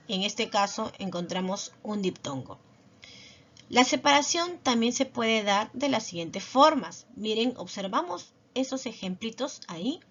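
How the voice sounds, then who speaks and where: Woman teacher going thru a lesson real slow and patient, lo-fi muffled audio. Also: mid-range voice, fairly bright tone. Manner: slow, patient explaining with tag questions. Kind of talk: recorded online lesson. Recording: dull lo-fi voice recording.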